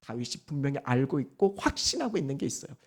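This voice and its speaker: A woman pastor giving a Sunday sermon, animated and firing rhetorical questions at the congregation. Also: a bass voice, fast, husky.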